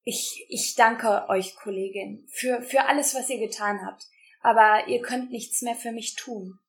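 A woman reading a storybook who voices a wounded older male professor speaking calmly through pain. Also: on the high side, unhurried. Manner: soothing, strained with pain.

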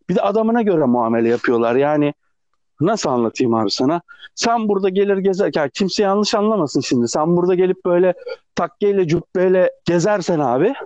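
Animated Ankara-accented man on phone. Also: sits high, no echo. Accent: Turkish, Ankara. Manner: animated, acts out quoted people. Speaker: podcast co-host. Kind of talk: casual chat storytelling. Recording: dull lo-fi phone recording.

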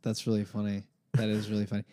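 A man in casual podcast chat, talking frankly and in a relaxed way, sometimes in quick bursts. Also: on the low side, no echo, clean studio sound.

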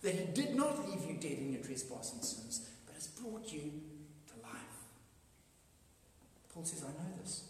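A preacher delivering a sermon with emphasis, moving between raised declarations and hushed, low lines. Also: big pitch swings, unhurried, long pauses, slight background noise. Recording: echoey hall, voice from far off.

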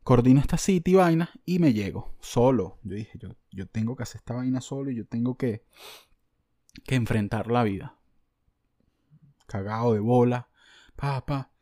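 A man with a Venezuelan accent hosting a podcast, telling a comic story in an animated, slangy, self-mocking way. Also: mid-range voice, normal speed, pauses often, no room sound, studio quality. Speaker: podcast host.

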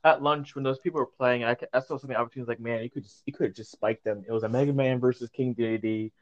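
Hesitant young man, mid-pitched voice. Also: steady tone, very fast. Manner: hesitant, filler-heavy. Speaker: podcast host. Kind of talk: casual chat. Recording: dull lo-fi home recording.

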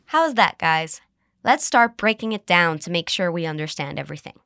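Lively woman podcast English teacher. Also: lowish voice, no room sound, clean studio sound. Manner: cheerful, slow model phrases to repeat. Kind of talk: scripted language lesson.

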